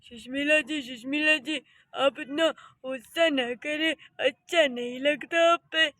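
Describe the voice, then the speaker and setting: Cartoon role: a smooth-talking young husband, high and bright, voiced by a woman. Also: unhurried, no echo. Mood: fawning. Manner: sweet-talking, flattering.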